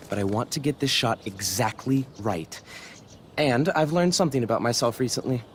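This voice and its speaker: A man's voice: mid-range voice, slight background noise, natural voice. A man playing a pompous, earnest, stuck-up teenage student in a video game, speaking with haughty, precise diction.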